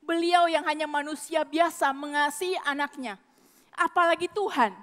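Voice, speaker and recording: A woman's voice: high voice, normal speed. A woman preacher giving an emphatic sermon to a congregation, repeating her phrases. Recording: long hall reverb.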